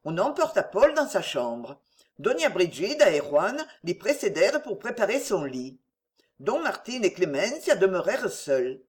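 A woman narrating a novel as an audiobook, with expressive storytelling. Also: medium pitch, unhurried.

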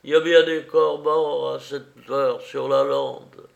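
A man voicing a loyal, rough peasant beadle who fights for the king, speaking loudly and earnestly in a rustic way. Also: medium pitch, steady tone, takes it slowly. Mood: weary pleading.

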